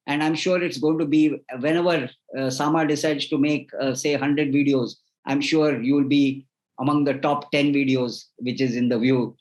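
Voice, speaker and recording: A man's voice: medium pitch, fairly even intonation, normal speed, a little mellow, poor audio. A man, a host giving formal, effusive closing remarks with frequent restarts. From India.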